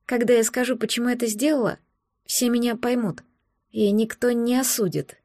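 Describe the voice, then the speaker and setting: A woman voicing a frightened young woman in an audiobook, speaking quietly and tremblingly, barely above a whisper. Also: on the high side, fairly even intonation, normal speed, dry recording, clean studio sound. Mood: pleading.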